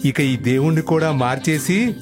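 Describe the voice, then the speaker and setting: An actor playing a boastful, scheming character in a film clip, speaking slowly. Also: male voice, on the high side, lightly acted. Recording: film clip over music.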